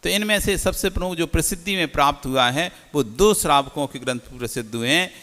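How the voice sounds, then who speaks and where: Man, monk's sermon, bright forceful voice, questions the audience. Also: fairly high pitch, fairly quick. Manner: didactic, asks the audience questions and answers them. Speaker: Jain monk giving a discourse. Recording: long hall reverb.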